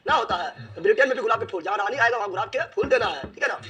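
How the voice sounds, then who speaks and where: Quick, bright high-voiced male teacher. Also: expressive, breathy edge. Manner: drills facts by repeating answers, asks and answers himself. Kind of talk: exam-prep lesson, call and repeat.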